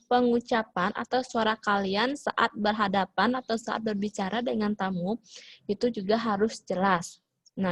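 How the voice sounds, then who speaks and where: A woman teacher with an Indonesian accent explains step by step, switching between her own language and English phrases and dropping in fillers as she goes. Her voice sits at an ordinary middle pitch. The recording is close and dry, with no room sound. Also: dry recording. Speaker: vocational school English teacher. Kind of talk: online class lesson.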